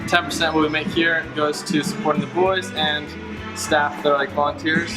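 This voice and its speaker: A man's voice: on the high side, level tone, normal speed, loud music behind the voice, low-quality recording. A young man who grew up in Venezuela answers interview questions hesitantly, with many ums and likes.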